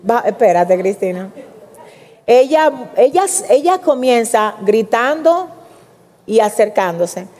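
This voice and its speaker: Woman preacher, animated sermon delivery, higher voice, big reverberant church hall. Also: slow pace. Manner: animated, addresses congregation directly, acts out quotes.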